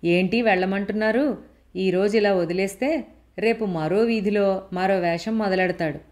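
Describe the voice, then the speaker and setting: A woman's voice: mid-range voice, normal speed, close to an everyday voice. A woman voicing a fiery middle-aged woman who hates men, talking sharply and indignantly in a raised voice. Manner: sharp, indignant, shouting accusations.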